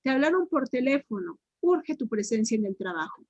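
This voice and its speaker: A Mexican woman teacher runs a grammar drill, her fairly high voice echoing each student answer. She draws words out slowly, syllable by syllable. The sound is dry and close. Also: sing-song, darkish tone, muffled recording. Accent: Mexican Spanish. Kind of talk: online grammar tutoring.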